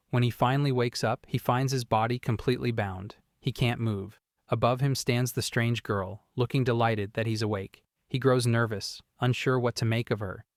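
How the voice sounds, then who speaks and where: A man narrating a manga recap in an even, steady, scripted third-person retelling. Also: medium pitch, no room sound, studio quality.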